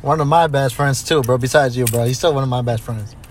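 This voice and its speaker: A man's voice: mid-range voice, fairly quick, a little hiss or hum. A man in his twenties co-hosting a podcast, trading crude jokes and banter in casual chat. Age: 20s. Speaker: podcast co-host.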